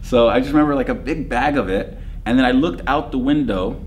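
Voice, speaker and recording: A man's voice: mid-range voice, fairly quick, darkish tone, slight background noise. A man in his thirties, born in Lebanon, guest on a podcast, telling stories in a joking, laughing way. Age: 30s. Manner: jokey, storytelling, laughs often. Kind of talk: casual interview chat.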